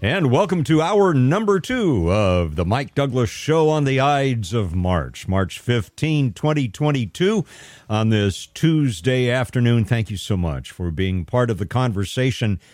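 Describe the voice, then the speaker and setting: A man hosting talk radio, delivering a monologue in halting, deliberate phrases with frequent pauses. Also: medium pitch, animated, darkish tone, no echo, faint music behind.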